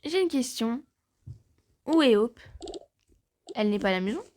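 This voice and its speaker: A woman's voice: on the high side, lively intonation, normal speed, darkish tone, slight background noise. A woman voicing several family characters in a home-made fan drama, shifting her voice between the parts as they banter.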